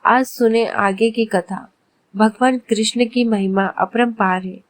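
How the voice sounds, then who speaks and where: A woman's voice: a little high, a little mellow, no echo. Woman narrating a devotional tale, dry sound. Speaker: storyteller.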